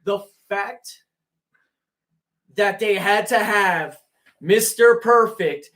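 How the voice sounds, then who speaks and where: A man co-hosting a casual wrestling talk show, rambling with many restarts and getting excited when he teases his partner. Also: sits high, drawn-out words. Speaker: podcast co-host.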